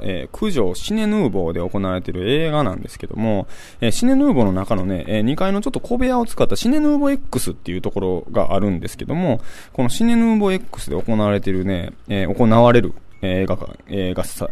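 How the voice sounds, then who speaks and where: A man with a Kansai accent hosting a casual radio segment, chatting through event listings with lots of filler pauses and asides to himself. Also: lowish voice, a little mellow. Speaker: host.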